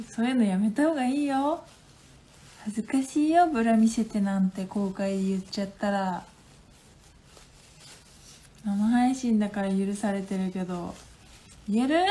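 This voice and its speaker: A woman in her twenties with a Hakata accent, chatting casually on a phone livestream at home, playful and quick to laugh. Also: medium pitch, warm tone. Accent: Hakata dialect. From Fukuoka, Japan. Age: 20s. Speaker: livestream host. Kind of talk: casual livestream chat reading viewer comments.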